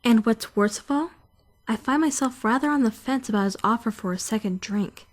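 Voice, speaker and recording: A fairly high, natural-sounding female voice moves at a fairly quick pace as she portrays a brooding, anxious fourteen-year-old schoolgirl narrating her self-doubt for a visual novel fandub. The delivery is introspective, questioning, and self-critical, with a pensive, uneasy feel. Music can be heard in the background.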